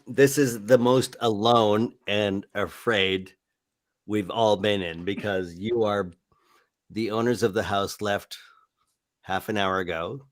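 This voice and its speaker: A man hosting a paranormal livestream remotely from his home setup, talking casually with an easy laugh. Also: on the low side. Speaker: livestream host.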